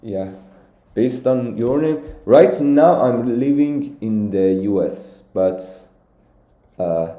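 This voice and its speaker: On a live stream, a young competitive programmer originally from Iran talks slowly through contest solutions, his medium-pitched, mellow voice carrying lively intonation. The sound is reverberant, and he thinks aloud with frequent fillers and restarts.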